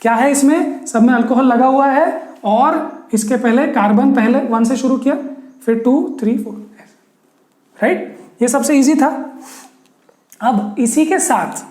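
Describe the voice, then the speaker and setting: A man teaches a classroom lesson, pausing again and again to ask his students questions and to repeat each key word. His voice is soft and mellow, with little edge. The recording carries a clear room echo. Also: very high voice. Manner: keeps quizzing students and repeating key words.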